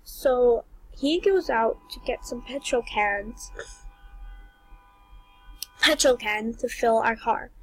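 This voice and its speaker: Young woman, high voice, chatty and dramatic, storytime vlog, dry close recording. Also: gravelly, no room sound, rough recording. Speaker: vlogger.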